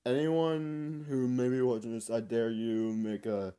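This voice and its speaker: A man voicing a slow, smooth-voiced animatronic rabbit. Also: mid-range voice, level tone, dark tone, lightly acted. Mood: rueful. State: complaining of pain from springlock. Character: animatronic rabbit reacting to comedy clips, male. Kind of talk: fan reaction voice acting.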